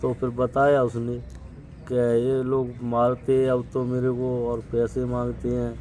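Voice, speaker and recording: Subdued middle-aged man, flat voice. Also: medium pitch, unhurried, poor audio. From Bhind, Madhya Pradesh, India. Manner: subdued, grieving. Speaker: victim's father. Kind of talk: street interview. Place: outdoors by a road. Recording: outdoor street with traffic noise.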